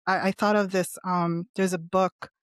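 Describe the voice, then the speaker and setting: A woman's voice: on the low side, level tone, unhurried, dry recording, clean studio sound. A woman speaking in a casual podcast discussion, earnest, with many restarts and fillers. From Palestinian family. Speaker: podcast guest panelist.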